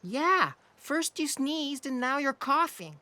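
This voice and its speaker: A woman's voice: sits high, sing-song, takes it slowly, pushed and bright, full character voice. A woman voicing a playful, teasing young truck in a children's cartoon.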